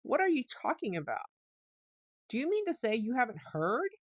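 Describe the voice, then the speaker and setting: A woman's voice: medium pitch, animated, normal speed, no room sound, clean studio sound. A woman voicing a stern male water rat who lectures his friend in a scolding, emphatic way. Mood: excited. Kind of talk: storybook reading.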